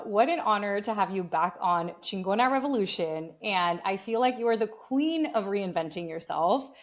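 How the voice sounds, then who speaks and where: A woman hosting a podcast, reading an introduction in an upbeat, emphatic way. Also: mid-range voice. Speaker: podcast host and coach.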